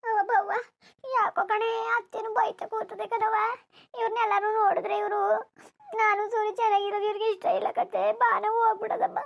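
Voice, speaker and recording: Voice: extremely high pitch, flat delivery, a little fast, gravelly. A voice actor playing a young daughter-in-law in a cartoon, begging and pleading. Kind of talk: cartoon voice acting.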